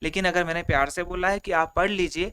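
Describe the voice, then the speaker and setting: A man's voice: sits high, steady tone, fast, pushed and bright, slight background noise. A man teaching an online exam-prep lecture, explaining step by step, acting out examples and mixing in English terms. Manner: explains in simple repeated steps, acts out examples; mixes Hindi with English terms.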